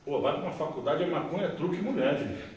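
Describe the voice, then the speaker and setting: A man's voice: a little high, quick pace, background noise. Brazilian man, echoey far-off talk. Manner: colloquial, animated, acts out dialogue. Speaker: psychologist giving a talk. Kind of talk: informal recovery testimony talk. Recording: echoey room, far from mic.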